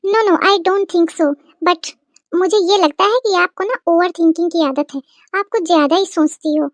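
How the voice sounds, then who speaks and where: A woman's voice: very high-pitched, a little slow, no room sound. A woman voicing a prim young daughter-in-law in a cartoon, sprinkling English into polite Hindi. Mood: reasoning. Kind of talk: cartoon comedy voice acting.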